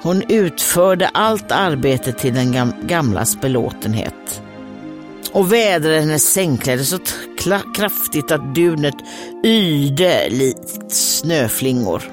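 Lively Swedish comedian reading a fairy tale. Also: female voice, low-pitched, over music. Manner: reads aloud, breaks off for joking asides. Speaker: comedian and host.

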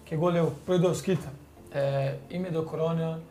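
A middle-aged man from Brazil with a Brazilian Portuguese accent, a guest speaking simple, halting non-native Greek in a casual interview and acting out remembered dialogue. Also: fairly high pitch, fairly even intonation, mellow. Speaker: guest, former footballer.

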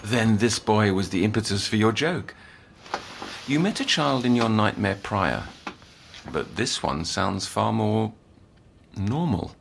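A man playing a calm, probing counsellor in an audio drama. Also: on the low side, takes it slowly, creaky, long pauses, a little hiss or hum, full character voice.

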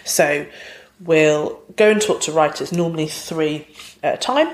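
A woman who runs a theatre company, explaining her work in a brisk, practical way in casual interview talk. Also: deep voice, echoey room, low-quality recording.

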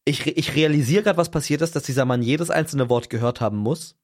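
A young man co-hosting a podcast, telling a story in casual chat, animated and swearing freely. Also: on the high side, quick pace. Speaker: podcast co-host.

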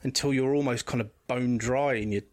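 A man's voice: mid-range voice, fairly even intonation, normal speed. A man, a podcast guest telling a personal story candidly, rambling with frequent restarts. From England.

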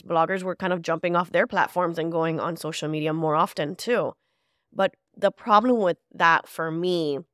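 A woman's voice: sits low, a bit bright, no echo, clean studio sound. A woman with a stuffed-up, nasal voice from a cold, talking casually and chattily as she hosts a solo podcast. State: congested with a cold. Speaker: podcast host.

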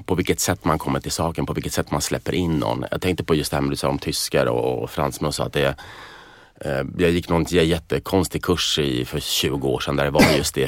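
A man with a very low, deep voice talks slowly through a casual panel chat, hunting for words and restarting sentences. The sound is close and dry with no room around it. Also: no room sound. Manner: searching, hesitant, with many restarts. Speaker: podcast panelist.

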